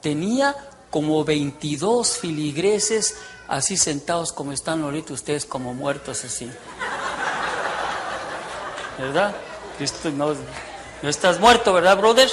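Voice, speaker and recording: A man, giving a testimony as a preacher, telling his story in an animated way, with loud bursts and hushed asides. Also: on the high side, unhurried, long pauses, a little hiss or hum. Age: 60s. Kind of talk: testimony sermon.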